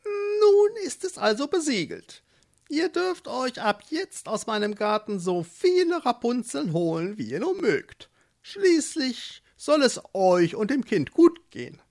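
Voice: mid-range voice, very animated, measured pace, creaky, darkish tone, pitched above the performer's own voice. A narrator voicing a scheming old witch in a storybook, speaking with false friendliness. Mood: falsely sweet. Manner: sugary, hard underneath. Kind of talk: storybook reading.

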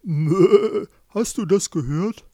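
A man voicing a slow-witted male ram who bleats loudly between words. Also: sits high, slightly rough, no room sound, clean studio sound, pitched above the performer's own voice, full character voice. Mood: puzzled. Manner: bleating, loud. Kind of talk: fairy-tale reading.

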